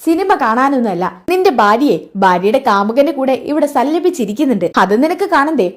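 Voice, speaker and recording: Give me a woman playing a sly young friend, quick and conspiratorial. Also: high-pitched, sing-song. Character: young man, scheming gossiping friend.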